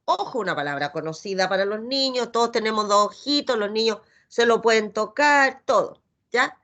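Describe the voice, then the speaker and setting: A woman's voice: fairly high pitch, lively intonation, moderate pace, fairly bright tone. A middle-aged woman with a Chilean accent teaching a reading lesson, patiently sounding out letters and syllables. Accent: Chilean Spanish.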